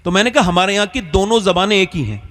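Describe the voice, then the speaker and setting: A man's voice: high voice, expressive, fast talker, fairly bright tone. A man from northern India preaching a sermon, telling stories and quizzing his audience with rhetorical questions.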